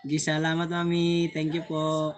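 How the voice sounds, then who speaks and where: A man's voice: fairly high pitch, monotone, measured pace. A man hosting a casual live stream on his phone, chatting and laughing often as he thanks viewers, sometimes tripping over his words.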